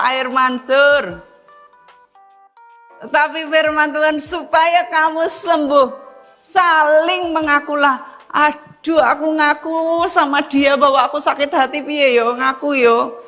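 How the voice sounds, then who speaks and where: A woman pastor delivers a sermon in a high, clear voice at an unhurried pace. She tells a personal story, stressing words loudly and then dropping to hushed asides, with Javanese phrases slipped in. Faint music sits underneath. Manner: emphatic, swinging between loud stresses and hushed asides.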